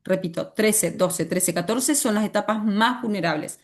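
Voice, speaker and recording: A woman's voice: medium pitch, normal speed. A woman teacher with an Argentine accent, lecturing a class and often stopping to ask the students questions. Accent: Argentine Spanish. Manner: asks the class frequent questions.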